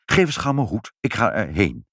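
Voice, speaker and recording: Man doing a brisk, bold storybook mother. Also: fairly low pitch, no room sound, clean studio sound, full character voice. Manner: brisk, lively, decisive. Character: brisk, bold mother who was once a cat.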